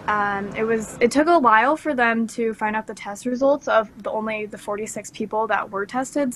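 A woman's voice: fairly high pitch, a bit bright, slight background noise. A young woman speaking on a video call from a cruise ship cabin, explaining chattily with fillers.

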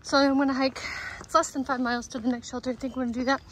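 A woman hiker talking casually to her phone camera as she walks a forest trail, thinking aloud in a relaxed way. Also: sits high, rapid-fire, slight background noise, rough recording. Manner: relaxed, chatty, thinking aloud while walking. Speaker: long-distance hiker vlogging. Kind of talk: casual spoken trail diary.

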